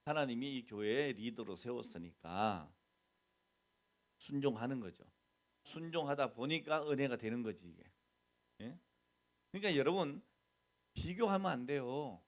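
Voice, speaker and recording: A man's voice: medium pitch, lively intonation, measured pace, pauses often. A middle-aged man, the senior pastor, preaching a conversational sermon. He keeps asking the congregation questions and acts out quoted bits of dialogue. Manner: mixes plain talk with quoted mock dialogue.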